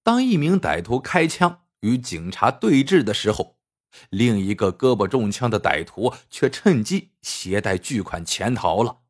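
A man narrating a story in a scripted, measured way. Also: on the low side, big pitch swings. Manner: unhurried, measured.

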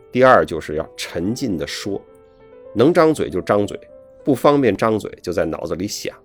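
A man giving friendly, folksy advice to young learners in a chatty, scripted talk. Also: lowish voice. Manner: chatty, folksy, adds friendly tag questions. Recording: soft piano music behind the voice.

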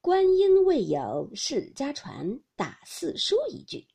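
A good-humored young widow, put on by a woman narrator chats cheerfully and lets her pitch rise and fall freely. Her voice is husky and breathy, and she draws out her words when she poses a riddle. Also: wildly swooping pitch, slow, warm tone, full character voice. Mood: playful.

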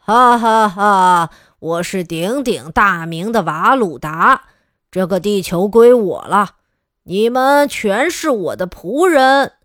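A boastful alien invader crows over his conquest, as a woman storyteller puts him on, dropping her voice low and pushing it out loud. The delivery is slow and gloating, close and dry, with faint music underneath. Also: expressive, no room sound. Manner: gloating, laughing menacingly.

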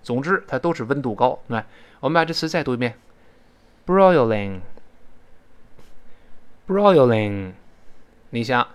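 A male English teacher teaches a spoken English lesson. His pitch moves a lot as he explains words, spells them letter by letter and sounds them out slowly for the class to repeat.

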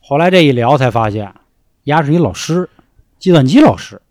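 A young man telling a story in a casual chat, swearing freely and acting out shouts from the story. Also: medium pitch, expressive, moderate pace, crowd noise. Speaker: storyteller guest.

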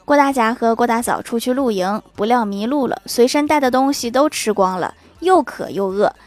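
Female comic storyteller, bright and playful, wry asides. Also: on the high side, normal speed, faint music behind. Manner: lively, switches voices for quoted characters, laughing asides. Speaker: joke narrator. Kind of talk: storytelling funny anecdotes with quick asides.

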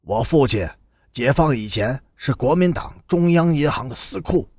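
Man doing a despairing young man, tearful, low choked pleading, husky, dry close mic, audiobook. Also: very animated, a little slow, dry recording, full character voice. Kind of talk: audiobook character voice.

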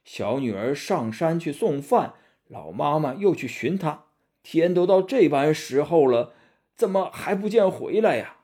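A man's voice: on the high side, animated, unhurried, mellow, husky, voice pushed up. A man voicing a scheming demon disguised as an old man, whining with feigned grief.

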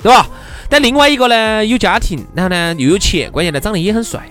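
高嗓门、四川口音的男主持人. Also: male voice, sits high, expressive, fast talker, fairly bright tone, soft background music. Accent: Sichuanese. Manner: colloquial Sichuan dialect, rhetorical questions, repeats phrases. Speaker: talk show co-host. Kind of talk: casual conversational commentary.

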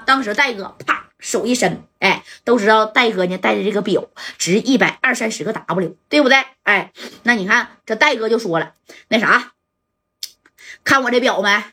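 Husky woman telling a gangland tale. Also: medium pitch, normal speed. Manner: chatty, lively, with asides to the listener. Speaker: storyteller. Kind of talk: oral storytelling of gangland tales.

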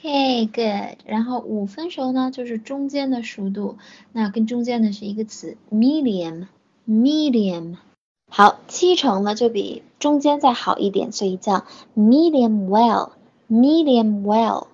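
A woman teaching an online English lesson, saying each English word slowly, repeating it, and praising her learners between items. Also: fairly high pitch, husky. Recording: dull lo-fi audio.

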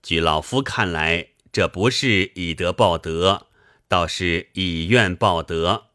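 A man voicing an elderly, learned sailor who lectures and teases in a measured way. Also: low-pitched, sharp tone, voice pushed down, heavily acted. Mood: wry.

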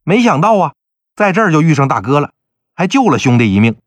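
An earnest younger brother with a quick temper, voiced by a male storyteller. His voice swings widely in pitch and sounds dry and close. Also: very animated, no echo. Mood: indignant. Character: loyal younger brother, indignant and warm.

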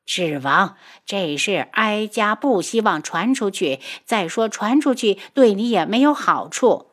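A woman voicing a stern, elderly empress dowager who speaks in a sharp, commanding way. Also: medium pitch, expressive, a little slow.

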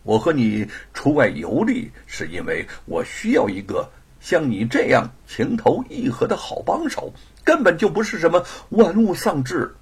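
A man voicing an earnest, emotional young scholar who exclaims fervently in a gravelly, husky voice. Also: a little high, big pitch swings, takes it slowly, a little mellow, voice pushed up, full character voice.

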